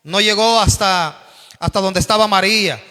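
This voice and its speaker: A man preaching a fervent sermon, often calling his listeners brother and raising his voice near to a shout at times. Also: high voice, moderate pace. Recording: long reverb of a hall.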